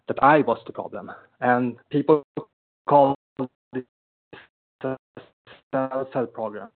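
A man sharing earnestly at a support meeting over a crackly phone line that fades in and out. He talks haltingly, with many restarts. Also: medium pitch. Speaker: member sharing at a recovery meeting. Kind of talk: personal share in a support meeting. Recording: tinny, narrow phone line.

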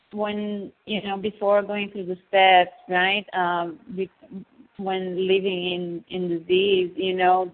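Earnest woman on a thin phone line. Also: lowish voice. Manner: earnest, emphatic, says "you know" often. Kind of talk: personal recovery sharing on a group call.

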